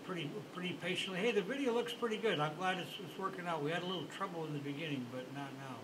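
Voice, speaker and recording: A male host of a talk show who speaks in a friendly, rambling and halting way while interviewing a guest. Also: high-pitched, noisy background.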